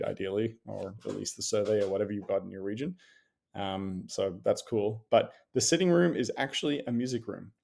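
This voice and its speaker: A man's voice: lowish voice, vocal fry, darkish tone. A man with an Australian accent gives a casual, wry critique of property listings, full of sarcastic asides and fillers. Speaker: real estate commentator.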